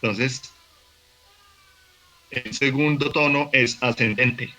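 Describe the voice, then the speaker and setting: A man teaching a workshop lesson, explaining patiently with fillers and restarts, slowing down to demonstrate syllables. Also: medium pitch, bright, forceful tone, rough recording. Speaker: language teacher. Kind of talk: recorded online workshop lesson.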